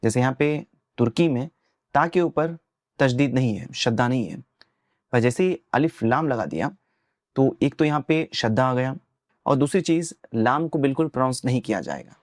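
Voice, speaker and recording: A man hosting an Arabic lesson in Urdu, patiently explaining pronunciation and sounding out letters slowly one by one, with an Urdu accent. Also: medium pitch, expressive, no room sound, clean studio sound. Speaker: Arabic teacher and channel host.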